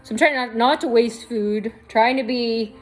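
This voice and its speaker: A woman vlogger with a fairly high voice speaks at normal speed. She delivers a candid, profane, wandering stream-of-consciousness monologue, restlessly restarting and often trailing off mid-thought.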